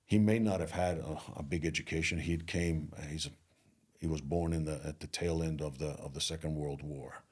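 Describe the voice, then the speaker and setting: A middle-aged man from Greece, a leadership speaker and coach, talking earnestly in an interview and slowing down to stress key phrases. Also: a bass voice, steady tone, a little mellow, husky. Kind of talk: interview conversation.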